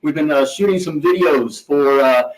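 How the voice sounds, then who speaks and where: A man hosting a casual live online show, rambling and repeating himself, his voice hollow and boomy as if he were talking inside a barrel. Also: moderate pace. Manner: loose, repeats himself, restarts phrases. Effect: hollow, boomy sound, as if talking inside a barrel. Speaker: host of a live online plumbing business show. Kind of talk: casual live-stream chat. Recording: hollow, distant sound in a torn-up studio.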